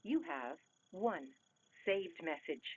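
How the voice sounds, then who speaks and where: A woman's recorded voicemail prompts giving measured, clipped instructions, heard over a landline phone. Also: on the low side, animated. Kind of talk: recorded system announcements. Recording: muffled phone line, faint hiss.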